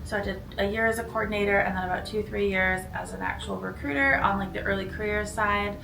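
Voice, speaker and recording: A woman chats offhandedly. Her voice carries heavy vocal fry. She sounds distant in an echoing room, with music clearly underneath. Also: mid-range voice, steady tone, fast talker. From Minnesota, United States. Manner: chatty, offhand. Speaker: interviewee, graduate student. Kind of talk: casual interview. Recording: roomy distant mic with music bed.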